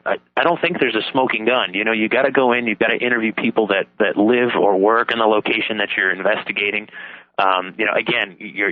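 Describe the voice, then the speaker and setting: A man being interviewed as a radio guest over the phone, talking casually in a halting, informal way. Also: lowish voice. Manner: halting, informal, repeats words as he thinks. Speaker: talk show guest, author and lecturer. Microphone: telephone call. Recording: tinny narrow phone line, dry.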